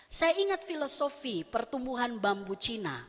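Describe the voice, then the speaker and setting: A woman pastor preaching a lively, fast-talking sermon and acting out bits of everyday conversation with her congregation. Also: fairly high pitch. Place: church sanctuary. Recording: long church hall reverb.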